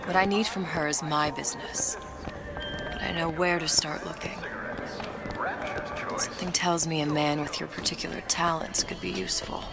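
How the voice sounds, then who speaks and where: A woman's voice: sits low, fairly even intonation, moderate pace, vocal fry, long pauses, over loud music. An actress playing a guarded, mysterious young woman in a video game, speaking in a cool, clipped way. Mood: hushed.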